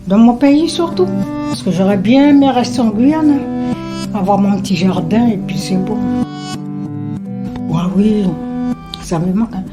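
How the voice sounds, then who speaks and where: A woman, telling her life story in a lively way and acting out what people said. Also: mid-range voice, a little slow, long pauses, over loud music. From French Guiana. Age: 70s. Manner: lively storyteller who acts out remembered dialogue. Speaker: interviewee.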